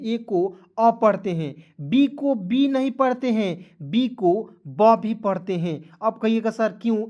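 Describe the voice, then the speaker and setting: A man teaching a beginners' online class, speaking patiently and spelling out each letter slowly. He keeps checking that his viewers follow and calls them friends. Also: extremely high pitch. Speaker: English teacher.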